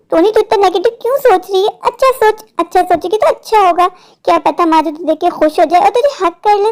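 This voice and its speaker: A woman doing a very high-pitched determined little girl. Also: a little mellow. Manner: earnest, pleading, talks to herself. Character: determined little girl searching for her mother. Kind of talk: cartoon storytelling.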